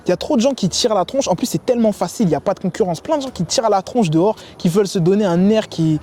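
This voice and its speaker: A young man who grew up in the United States gives dating advice to the camera in an energetic, slangy, spontaneous way, at a sports complex. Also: sits high, racing, a little hiss or hum.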